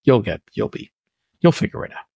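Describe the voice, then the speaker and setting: A man's voice: fairly quick, mellow, no room sound, clean studio sound. A man co-hosting a casual podcast chat, joking and teasing in an offhand way. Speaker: podcast co-host.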